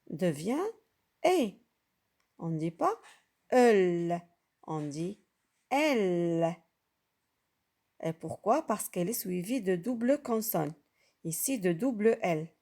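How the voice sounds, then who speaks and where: A woman's voice: mid-range voice, vocal fry, mellow. A woman teaching French pronunciation to beginners. She speaks patiently, repeats each sound, and keeps checking that her listeners follow. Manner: patient, repeats sounds and asks "d'accord?" often. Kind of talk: slow, carefully articulated lesson for beginners.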